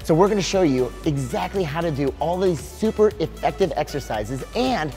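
A man in his forties, a fitness coach hosting a promo, talking in an upbeat, energetic, salesy way on a lapel mic in a bright studio. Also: a little high, moderate pace, soft background music. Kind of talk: scripted promo pitch. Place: large bright indoor studio.

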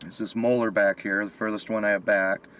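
Toothless American man in his fifties, lowish voice, rambling diary monologue, faint background noise. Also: level tone, brisk, fairly bright tone, recorded from a distance. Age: 50s. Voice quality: toothless-sounding speech, many missing teeth. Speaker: video diarist.

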